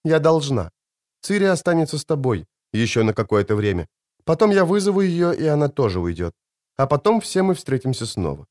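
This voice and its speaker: A man's voice: a little high, sing-song, brisk, voice pushed up. A man voicing a commanding adult sorceress in a fantasy audiobook, speaking curtly. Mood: firm. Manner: curt, then softening. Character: Yennefer, commanding sorceress woman.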